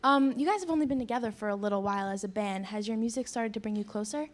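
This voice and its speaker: Brisk young woman hosting a studio show. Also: medium pitch. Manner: brisk and cheerful, laughs easily. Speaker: host of a student studio show. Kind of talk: live studio interview. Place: college TV studio.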